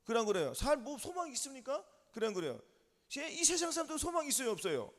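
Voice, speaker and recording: A man preaching an emphatic sermon as pastor, drilling his listeners with quick yes-or-no questions and calls of amen. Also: extremely high pitch, sing-song, big-room sound.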